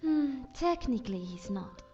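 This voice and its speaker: A woman voicing a polite, curious young wood elf archer, measured and courteous, as game companion dialogue. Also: sits high, sing-song, mellow, muffled recording, soft background music. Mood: matter-of-fact.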